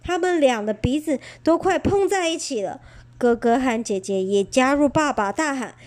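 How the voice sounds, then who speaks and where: A mother reading a children's story aloud at bedtime in a gentle, expressive way. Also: sits high, normal speed.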